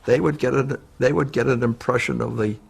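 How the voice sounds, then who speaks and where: A man's voice: mid-range voice, steady tone, fairly quick, gravelly, breathy edge. A man demonstrating old lockpicks in a chatty documentary interview.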